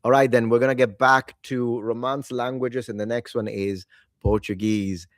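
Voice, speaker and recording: Late at night and tired, this Italian-native language-learning video host chats casually to camera about the languages he hopes to learn, enthusiastic but rambling and frequently correcting himself. His voice is medium-pitched and steady at a moderate pace, captured in studio quality with no room sound.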